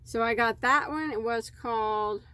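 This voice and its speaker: A woman's voice: on the high side, unhurried, bright, forceful tone, clean tone, dry recording. A woman crochet vlogger chatting casually as she unboxes yarn, easily delighted and rambling in asides.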